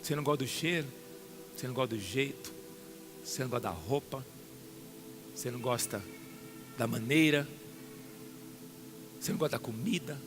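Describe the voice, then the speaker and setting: A Brazilian pastor with a Brazilian Portuguese accent preaching a sermon to a congregation, questioning listeners by name and building to loud emphatic peaks. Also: male voice, mid-range voice, fairly quick, pauses often, music in the background. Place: church hall.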